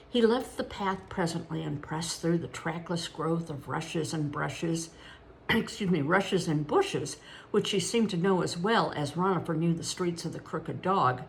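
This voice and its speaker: A woman's voice: on the low side, a little hiss or hum, poor audio. Grandmother reading a storybook aloud. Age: older.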